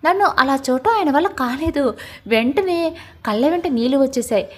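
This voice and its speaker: A woman narrating a first-person family story in a lively, expressive reading. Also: high-pitched, normal speed.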